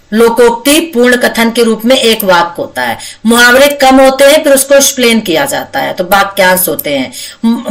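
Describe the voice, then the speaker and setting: A woman's voice: medium pitch, far from the mic. A woman tutor giving a casual exam-prep lecture, chatty and repetitive, often adding tag questions and slipping English words into her explanations.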